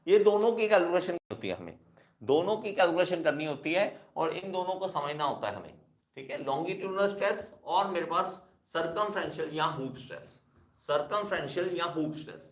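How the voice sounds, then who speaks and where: A man's voice: on the high side, big pitch swings, fairly quick, roomy sound. A male engineering teacher giving a classroom lecture, repeating key terms and calling his students kids. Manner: repetitive, addresses students as kids.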